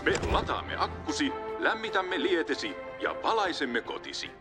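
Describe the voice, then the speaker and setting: An actor voicing a polished, upbeat announcer in a mock company commercial. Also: male voice, fairly high pitch, very animated, music in the background. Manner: polished, upbeat advertising delivery. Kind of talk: mock TV commercial in a film dub.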